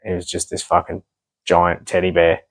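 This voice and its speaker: A man's voice: sits low, completely flat delivery, moderate pace, no room sound. A young man telling his own story as a podcast guest, blunt and full of swearing, with rambling asides. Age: young adult. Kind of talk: candid personal storytelling.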